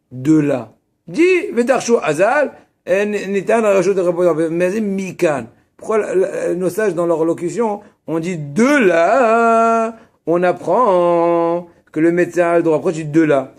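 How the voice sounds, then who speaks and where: Animated rabbi teaching a text class. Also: male voice, on the high side. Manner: animated, rising emphasis on Hebrew terms, asks and answers his own questions; casual asides to students. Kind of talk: religious text lesson.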